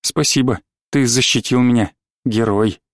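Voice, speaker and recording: A man reading an audiobook, voicing a frightened, tearful young woman in a quiet, soft way. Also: mid-range voice, unhurried, no echo, lightly acted. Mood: relieved. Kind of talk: audiobook character voice.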